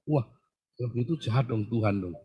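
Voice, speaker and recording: A man's voice: mid-range voice, fast, dull audio. A male pastor answering a Bible question, teaching through emphatic questions he puts to his listener.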